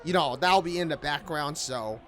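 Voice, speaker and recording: Speaking at normal speed in a medium-pitched voice, a gaming video host rambles through a casual review from a small room at home. He often repeats and rephrases, the commentary is only lightly scripted, and behind him are background music and the sound of a crowd.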